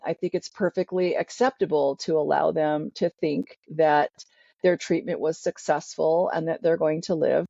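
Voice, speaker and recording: A woman podcast host explaining a point in a measured way. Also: sits low, vocal fry, dark tone, no echo. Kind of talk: casual podcast chat. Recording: dull lo-fi sound.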